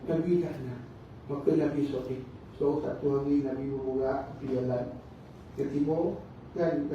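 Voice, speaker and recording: A man's voice: medium pitch, dark tone, a little hiss or hum. A male religious teacher with a Malaysian Malay accent gives a mosque lecture, telling stories, acting out the dialogue and checking with the crowd. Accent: Malaysian Malay, Negeri Sembilan. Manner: storytelling, acts out dialogue, asks the crowd "kan?". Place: mosque hall. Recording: echoey room from far off, dull.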